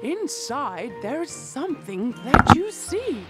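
Video game creature mother, high and pleading, slow and singsong. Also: big pitch swings, over music, heavily acted. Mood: grateful. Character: fretful female creature mother guarding her eggs.

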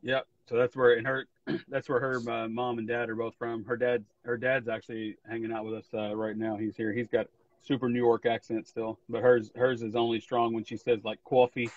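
A man's voice: medium pitch, little pitch movement, normal speed, dry recording, lo-fi sound. A man being interviewed as a guest musician, telling stories in a laid-back casual way with plenty of "like". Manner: laid-back storytelling, peppered with "like". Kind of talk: casual chat.

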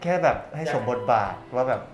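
A man hosting his vlog from a clinic treatment room, chatting casually and joking about the pain of his treatment. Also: fairly quick. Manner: joking, groans and yelps in pain. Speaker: vlog host getting treatment. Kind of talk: casual chat.

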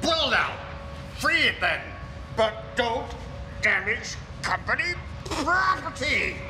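Creaky-voiced exasperated boss. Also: male voice, very high-pitched, big pitch swings, slow, background noise, exaggerated voice. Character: exasperated, scolding building boss. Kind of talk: television comedy-drama acting.

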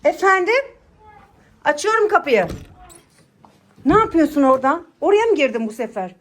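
This scripted family skit features a woman in her thirties as an exasperated mother in a bedroom at home, scolding and coaxing her children to get up. Her voice sits high and is very animated, at a normal speed.

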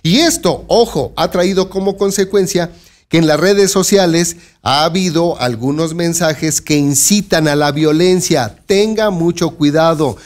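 A man hosting a local news commentary show, talking straight to his listeners and warning them to be careful. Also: fairly high pitch. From Mexico. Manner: conversational, addresses listeners directly with warnings. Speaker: news host.

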